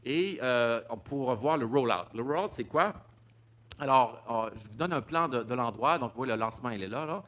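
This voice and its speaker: A man's voice: medium pitch, animated, normal speed, a bit bright. A man giving a public talk, stumbling over repeated words and fillers. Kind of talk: public lecture with slides.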